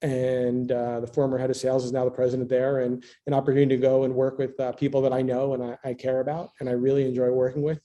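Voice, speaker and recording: A man's voice: medium pitch, completely flat delivery, fast, few pauses, mellow. A man from Philadelphia on the US East Coast, a business development executive, talking through his career on a panel in an upbeat, driven way. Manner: upbeat, self-described type A. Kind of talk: panel interview answers.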